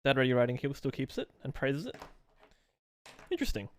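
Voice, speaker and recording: A young man live streams while drawing, chatting loosely with viewers and reading out and answering their messages in a rambling way. His voice is mid-range and racing, with slight background noise.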